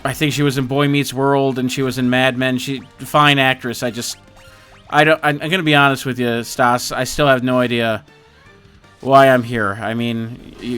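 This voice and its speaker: A man doing a loud, fed-up grump. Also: mid-range voice, natural voice. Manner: loud, exasperated complaining. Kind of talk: improvised comic character voice.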